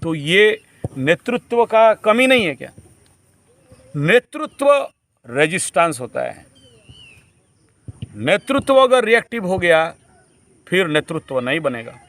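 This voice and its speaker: A man's voice: high-pitched, very animated, slow, long pauses, fairly bright tone. A man teaching a camp group in a preachy, repetitive way, slipping English phrases into his lecture.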